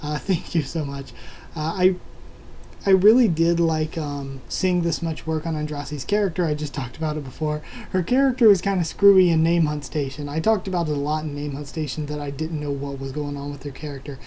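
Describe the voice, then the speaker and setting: A YouTube host answers viewer comments in a casual video, rambling with lots of filler words as he loses his voice. His voice is a little high and mellow, his pace brisk, with slight background noise.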